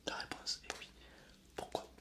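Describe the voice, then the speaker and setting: A young man whispering softly in an informal, chatty ASMR style, speaking directly to viewers into a close binaural microphone. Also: moderate pace. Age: young adult. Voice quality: soft unvoiced library-style whisper. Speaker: ASMR video host. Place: small indoor setup. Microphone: close binaural ear-shaped microphone.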